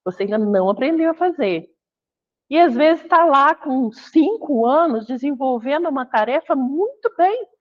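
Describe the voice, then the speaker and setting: A Brazilian woman with a fairly high voice gives a spiritist lecture in a relaxed, conversational way. She slips into the voices of the people she quotes. The recording sounds dull and lo-fi. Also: normal speed. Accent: Brazilian Portuguese. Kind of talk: spiritist talk.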